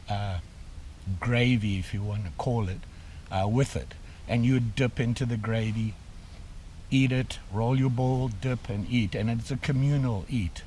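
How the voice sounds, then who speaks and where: A middle-aged man from Zimbabwe, chatting casually through an outdoor cooking vlog in snowy woods, relaxed and full of fillers. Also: medium pitch, slight background noise. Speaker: outdoor vlogger.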